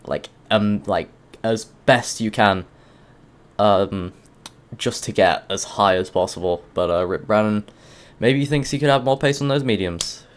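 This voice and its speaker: A man's voice: lowish voice, a little slow. Laid-back young male co-commentator. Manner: laid-back, hesitant with many fillers. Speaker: sim racing co-commentator. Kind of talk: live esports race commentary.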